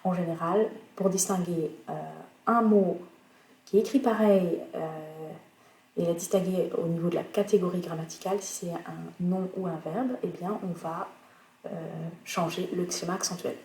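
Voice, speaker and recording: A woman teaching English pronunciation in a recorded video lecture, speaking slowly with many fillers and self-corrections. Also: lowish voice, fairly even intonation, darkish tone. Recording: echoey room, faint noise.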